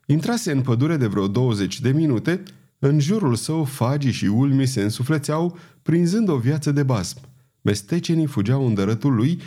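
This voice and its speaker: Expressive male audiobook narrator, dark tone. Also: medium pitch. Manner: dramatic, expressive reading. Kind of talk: scripted narration of a historical novel.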